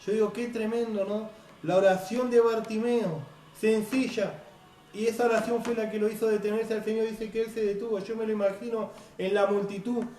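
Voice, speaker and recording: A male preacher, giving an earnest, unhurried sermon that keeps asking "right?". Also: high-pitched, flat delivery, warm tone. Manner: earnest, unhurried, frequent "right?" tag questions. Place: church hall. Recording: echoey hall, distant mic, faint noise.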